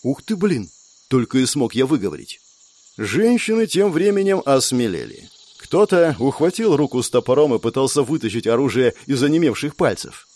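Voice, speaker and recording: A man narrating an audiobook in expressive storytelling style. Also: medium pitch, moderate pace, no room sound.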